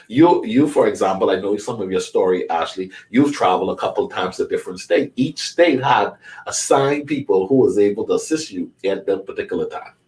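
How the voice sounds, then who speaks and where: Deep-voiced man from the Bahamas, earnest. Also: darkish tone, recorded from a distance. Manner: earnest, preacherly motivational delivery. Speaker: guest, life coach. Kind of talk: conversational talk show interview.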